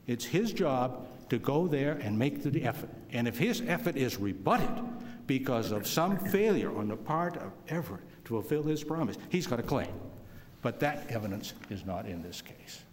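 A man's voice: mid-range voice, expressive, normal speed. A man arguing as an attorney in court, emphatic and rhetorical, often voicing imagined quotes and questions. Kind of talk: courtroom oral argument. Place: large courtroom. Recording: reverberant hall with faint noise.

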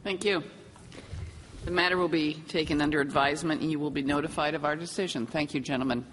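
American guy judge running court formally, highish voice, echoey with faint noise. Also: steady tone, fast talker, a bit bright. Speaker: presiding judge. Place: large indoor courtroom. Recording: noisy reverberant courtroom.

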